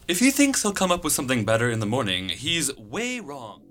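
A man's voice: medium pitch, wildly swooping pitch, fairly quick, a bit bright, a little hiss or hum. A man voicing a complaining bit-part actor with a wry edge. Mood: grumbling.

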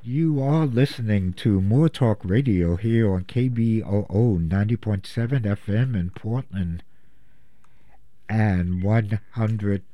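A man hosting a community radio talk show, opening the program with a measured, deliberate delivery. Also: fairly low pitch, dark tone, no room sound. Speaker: radio host.

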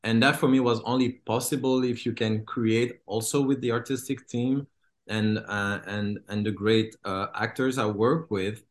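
A man's voice: medium pitch, steady tone, moderate pace. Hesitant man from Congo. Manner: hesitant, many fillers and restarts. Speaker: filmmaker. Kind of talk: interview.

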